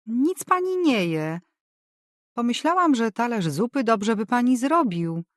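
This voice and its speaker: A woman reading an audiobook, voicing a curious, nosy middle-aged landlady in a raised, louder voice. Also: big pitch swings, measured pace, no room sound, clean studio sound. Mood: solicitous. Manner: prying, high and loud.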